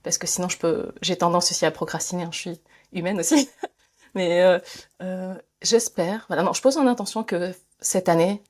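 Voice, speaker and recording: A woman's voice: lowish voice, moderate pace, darkish tone. A woman from France, a guest in a conversational interview, thinking aloud with many fillers, restarts and frequent laughs. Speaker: guest, author and speaker.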